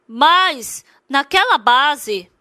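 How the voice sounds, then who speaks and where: A woman's voice: high-pitched, expressive, drawn-out words, bright, forceful tone, no echo, clean studio sound. A woman interprets a sermon. She speaks emphatically, repeats her points and asks the congregation many rhetorical questions.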